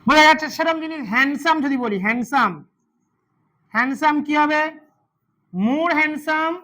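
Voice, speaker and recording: A man's voice: extremely high pitch, moderate pace, sharp tone. A man teaching English grammar to a class, repeating words and quizzing his students as he goes. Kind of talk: classroom lesson.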